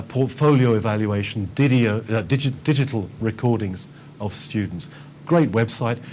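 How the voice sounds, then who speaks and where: A man's voice: lowish voice, darkish tone, a little hiss or hum. A man training teachers in a webinar presentation, enthusiastic and chatty, with frequent ums and repeated words. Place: online webinar.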